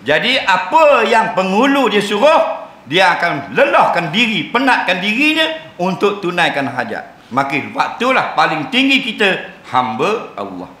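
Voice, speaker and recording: A man's voice: high-pitched, very animated, measured pace, hardly any pauses, pushed and bright. A man giving a jokey mosque lecture, often asking the audience if they understand. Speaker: religious lecturer. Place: mosque hall. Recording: roomy mosque hall sound.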